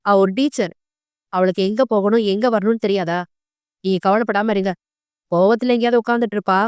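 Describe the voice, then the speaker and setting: A woman doing a calm, dismissive young husband. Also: mid-range voice, fairly quick, clean tone, dry recording, studio quality, pitched below the performer's own voice, natural voice. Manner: unbothered, curt.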